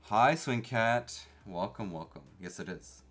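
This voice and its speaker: A lowish, expressive, slightly bright voice belongs to a young Canadian man who grew up speaking Korean at home. Unhurried, he chats with his live-stream viewers, reads their chat aloud, and plays at being defensive.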